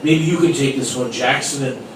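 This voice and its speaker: A man's voice: medium pitch, normal speed, noisy background, close to an everyday voice. A man playing a young, eager, bumbling police officer who speaks in a mild, stammering way in a comic detective audio drama. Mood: sheepish. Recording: very echoey, distant mic, music behind.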